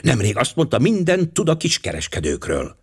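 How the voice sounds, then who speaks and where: A man's voice: mid-range voice, huge pitch swings, husky. Man voicing Hercule Poirot, a pompous detective. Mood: brisk. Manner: pompous, musing, drops French words. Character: fussy, vain older male Belgian detective.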